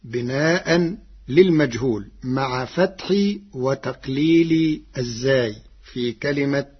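A man presenting a lesson on recitation variants in a measured way, chanting the quoted verses more loudly than his explanations. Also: medium pitch, breathy edge. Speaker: presenter of a Quran reading lesson. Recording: dull lo-fi recording.

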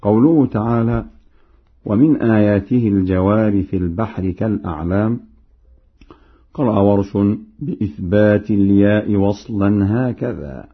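A man teaching Quran recitation, explaining each reading and then chanting the verse example slowly. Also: on the low side, breathy edge. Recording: narrow phone-like sound.

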